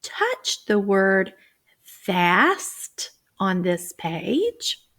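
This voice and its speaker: A woman reading teacher explaining guided reading, slipping into a bright, exaggerated voice when she models talk with young children. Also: mid-range voice, big pitch swings. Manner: careful, deliberate phrasing. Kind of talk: teacher training demonstration.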